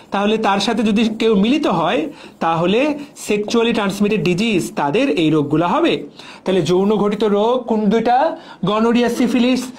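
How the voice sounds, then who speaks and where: A young man from Bangladesh teaching a biology exam-prep class, drilling memory tricks through repetition. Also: high-pitched. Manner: playful, drills mnemonics with repetition. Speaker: biology lecturer.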